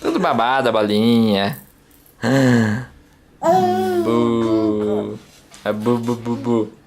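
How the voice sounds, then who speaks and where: Low-voiced dad doing playful baby talk. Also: male voice, lively intonation, very slow. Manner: sing-song baby talk, playful and coaxing. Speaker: father filming his baby. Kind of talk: home video, talking to an infant. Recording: home camera with clear background noise.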